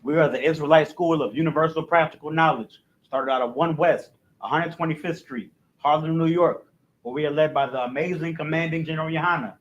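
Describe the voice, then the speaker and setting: The class instructor moves briskly this time, and the audio is lo-fi. Teaching the recorded language class casually and repetitively, he calls out letters loudly with rising pitch and keeps tucking in a lowered "you know what I'm saying."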